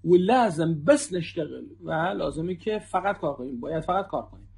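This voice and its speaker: A man's voice: on the high side, lively intonation, creaky, darkish tone, breathy edge. A man teaching spoken Arabic in an online lesson, who repeats phrases and keeps addressing the viewers as friends. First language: Persian.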